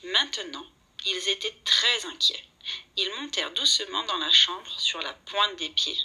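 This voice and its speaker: A woman reads a children's story aloud with lively energy. Her tone is very bright and has a husky edge. She slips into the characters' lines as she narrates. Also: medium pitch, unhurried, low-quality recording.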